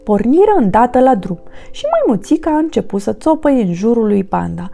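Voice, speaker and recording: A woman reading a children's story aloud with a lively, expressive delivery. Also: on the high side, gravelly. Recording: faint background music.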